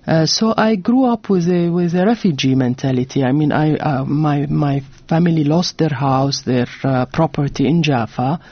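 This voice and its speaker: A Jordanian author on a book tour shares her family story in a radio studio interview, speaking earnestly with many fillers and restarts. Her voice is low, her pace moderate with few pauses, and the audio is dull with no room sound.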